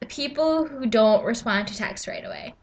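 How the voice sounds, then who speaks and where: A woman's voice: a little high, moderate pace. A teenage girl chatting on a vlog, laughing often and adding playful dramatic asides. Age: teens. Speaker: vlogger. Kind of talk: casual chat.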